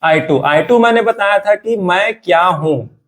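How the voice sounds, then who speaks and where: Man, english teacher, fairly high voice, repetitive drilling, classroom lesson. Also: animated, measured pace, fairly bright tone. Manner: repetitive, drilling example sentences.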